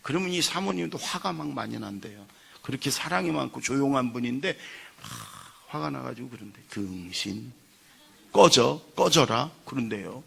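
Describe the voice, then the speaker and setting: Gravelly, bright-voiced Korean pastor preaching. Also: male voice, medium pitch, lively intonation, fairly quick. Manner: storytelling with acted quotes, rising to loud emphasis. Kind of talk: sermon. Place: church sanctuary.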